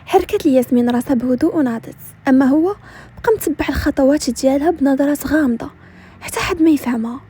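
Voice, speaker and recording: A woman with a Moroccan Arabic accent narrating a romance story in a brisk, continuous storytelling manner. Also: high voice, dark tone.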